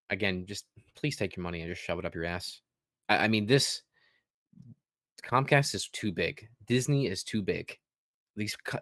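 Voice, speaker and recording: Low-voiced sardonic man podcasting. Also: a bit bright, no echo, studio quality. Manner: profane, sardonic, reads script loosely. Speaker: podcast co-host. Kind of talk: casual gaming podcast chat.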